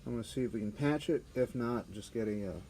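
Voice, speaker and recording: Brief: man, muffled respirator voice, mellow tone, casual workshop narration, handheld camera. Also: medium pitch, slight background noise. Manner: halting, many fillers while working. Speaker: car restorer. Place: auto body garage.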